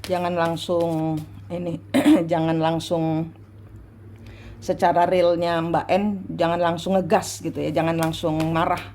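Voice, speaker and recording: A low-pitched woman gives a private tarot reading, speaking slowly and repeating her guidance. A faint hiss of noise sits under her voice. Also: little pitch movement, warm tone. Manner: slow, coaching, repeating instructions. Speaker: tarot reader.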